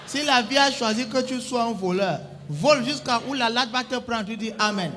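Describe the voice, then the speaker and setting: A man's voice: very high voice, moderate pace, a bit bright, slight background noise. A young adult man performs a comic one-sided phone-call sketch. He plays a bossy emergency operator who scolds his callers in mock-official phrasing. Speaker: comedian.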